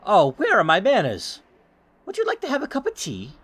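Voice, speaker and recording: A man voicing an elderly widow who is gentle, apologetic and fussy, talking in a polite, motherly way. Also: sits high, wildly swooping pitch, moderate pace, slightly rough, voice pushed up, exaggerated voice. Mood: hospitable.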